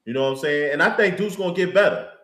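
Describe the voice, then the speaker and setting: A man's voice: fairly high pitch, animated, quick pace, bright, forceful tone. Man in casual slangy sports chat, roomy echo. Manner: laid-back slangy, fan talk, laughs easily. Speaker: sports talk co-host.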